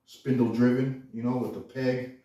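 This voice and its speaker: A man's voice: mid-range voice, little pitch movement, moderate pace, dark tone. A man in his garage rambling casually about rebuilding an engine, blunt and profane, saying "you know" constantly. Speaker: home mechanic vlogger. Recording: echoey garage, far from mic.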